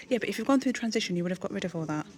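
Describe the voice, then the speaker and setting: A woman's voice: mid-range voice, darkish tone. Chatty woman vlogging on a phone. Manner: chatty, laughs often. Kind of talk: casual vlog to phone camera. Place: hospital corridors, then a car. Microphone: handheld phone.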